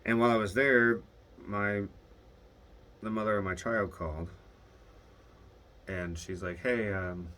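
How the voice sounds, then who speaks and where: A man's voice: fairly low pitch, fairly even intonation, unhurried, long pauses, bright, forceful tone. A young man telling a video diary about a hard phone call, hesitant and swearing when upset. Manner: retells phone calls, quoting both sides. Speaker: video diarist. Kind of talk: casual confessional monologue.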